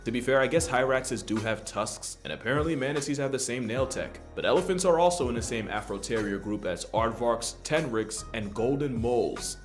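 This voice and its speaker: A man's voice: mid-range voice, expressive, fairly quick, few pauses. A man narrating a nature video from a comedic script in a wry, irreverent manner. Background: guitar music.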